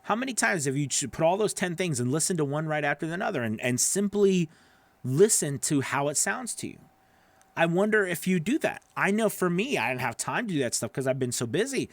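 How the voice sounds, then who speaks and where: With a sing-song, brisk delivery and a fairly high voice, a middle-aged voice-over coach hosts live, giving casual advice on viewers' questions while emphasizing points and checking in often. The audio, with no echo, comes from a small home studio indoors, recorded close on a broadcast microphone on a boom arm.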